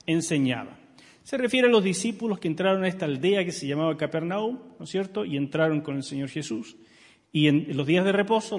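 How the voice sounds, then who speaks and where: A middle-aged pastor preaches with emphasis, asking his congregation rhetorical questions. His voice sits high and husky. It carries through a large church with long reverb. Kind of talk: sermon. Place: church sanctuary.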